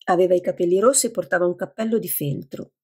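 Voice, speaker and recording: A woman with a gravelly, husky voice reading an audiobook as narrator in a steady, even manner. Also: fairly low pitch, quick pace. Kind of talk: scripted narration.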